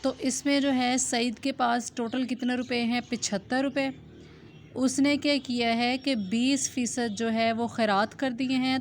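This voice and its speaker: A woman's voice: high-pitched, slight background noise. A woman teaching a maths lesson in a recorded online class, working through a percentage problem step by step and asking check questions as she goes. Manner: step-by-step explaining with check questions and "theek hai ji".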